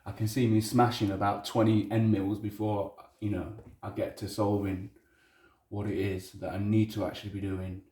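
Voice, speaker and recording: A man's voice: on the low side, flat delivery, moderate pace, dark tone. A man with a Leicester accent talking off the cuff in a blunt, sweary, self-deprecating way, like a maker presenting his own project. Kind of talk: casual unscripted monologue. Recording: roomy, echoey indoor sound.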